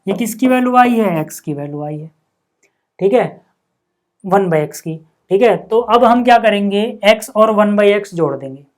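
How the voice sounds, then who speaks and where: A man's voice: high-pitched, lively intonation, measured pace. A man teaching a maths lesson. He works through each step patiently, poses rhetorical questions to the class and answers them, keeps checking in, and mixes English maths terms into his explanations. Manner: frequent checking-in with "okay" and "see".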